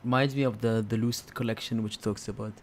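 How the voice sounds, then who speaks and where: A man's voice: on the low side, steady tone, fast. A man hosting a casual live stream, thinking aloud in a hesitant, unscripted way. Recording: clear background noise.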